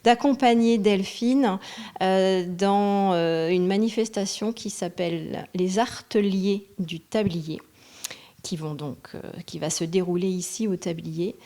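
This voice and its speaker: A woman's voice: medium pitch, slow, mellow. A woman organizer presenting her event on TV, earnest and hesitant with fillers. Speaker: association organizer. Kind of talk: TV interview.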